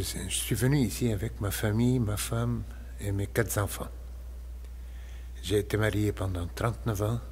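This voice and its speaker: A man, giving a slow, measured and reflective personal testimony as a parishioner. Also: fairly low pitch, darkish tone, a little hiss or hum. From Lebanon.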